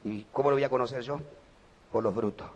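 A man preaching a sermon. His voice is gravelly and worn, and he moves between quiet talk and fervent shouting. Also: medium pitch, fairly even intonation, a little fast, dull audio, a little hiss or hum.

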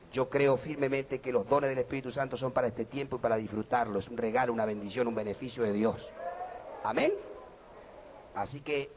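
A man preaching a sermon. His voice is gravelly and worn, and he moves between quiet talk and fervent shouting. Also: medium pitch, a little hiss or hum.

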